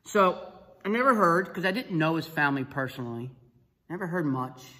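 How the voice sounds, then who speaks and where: A man's voice: a little high, moderate pace. A middle-aged man, an evangelist, animatedly telling a personal testimony and acting out the dialogue. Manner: animated storyteller who acts out dialogue. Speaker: evangelist and speaker. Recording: long reverb.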